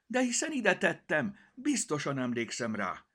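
A man's voice: fairly low pitch, wildly swooping pitch, a bit bright, husky, full character voice. A man voicing an earnest, fretful nine-year-old girl in a storybook reading, with a raised, pleading voice. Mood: eager.

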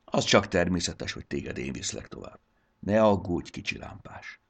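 A man doing a gentle sensible boy. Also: low voice, gravelly, breathy edge, heavily acted. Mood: tender. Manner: calm, reassuring. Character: sensible young boy, gentle but grumbly.

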